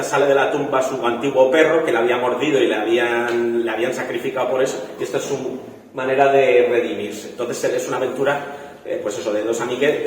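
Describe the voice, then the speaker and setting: A man's voice: medium pitch, slight background noise. Young guy from spain telling film stories, acts out voices, big echoey hall, far from the mic. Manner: animated storytelling, acting out quoted voices. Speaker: film director. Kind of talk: festival talk.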